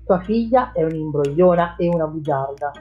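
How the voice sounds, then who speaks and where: A woman's voice: low-pitched, lively intonation, moderate pace, dull audio, faint music behind. A woman reading an audiobook, voicing a boastful, bullying father who deals in cars. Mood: angry. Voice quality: loud, bullying, self-satisfied. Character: blustering boastful father, a crooked car dealer.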